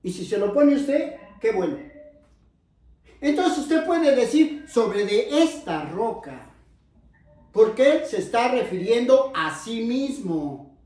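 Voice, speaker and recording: A man preaching a sermon, explaining slowly and repeating phrases, often calling listeners brothers, dropping low and soft on asides. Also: big pitch swings. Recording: very echoey, from far off the mic.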